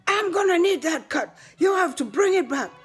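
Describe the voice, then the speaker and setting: An older woman imitating a bossy female store cashier who yells at a customer. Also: fairly high pitch, moderate pace, breathy edge, faint music behind. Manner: bossy, yelling.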